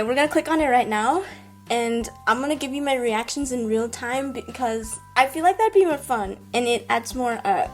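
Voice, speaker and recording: A woman artist vlogger talking casually and enthusiastically straight to her viewers. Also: fairly high pitch. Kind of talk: casual vlog chat and voice-over narration.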